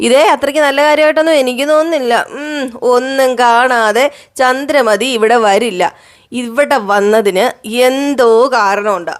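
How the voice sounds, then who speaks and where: A woman's voice: on the high side, lightly acted. A woman voicing a pestering young man. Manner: pestering, fretful questions. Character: restless young man, nagging and curious.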